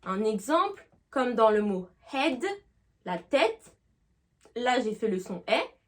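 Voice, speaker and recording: A woman's voice: fairly high pitch, sing-song, takes it slowly. A woman giving an online English lesson, explaining patiently and checking often that the listener follows. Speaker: English teacher.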